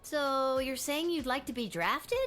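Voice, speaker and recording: Twelve-year-old child guard, high lively voice, perky, cheeky, video game. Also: female voice, unhurried, soft background music. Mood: eager, curious. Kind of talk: video game character acting.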